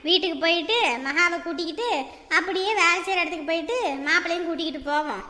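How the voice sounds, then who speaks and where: A woman's voice: extremely high pitch, fast talker, sharp tone, long reverb tail. A woman playing a caring, forgiving middle-aged mother-in-law, in a family drama. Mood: fond. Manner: fond, soothing, motherly.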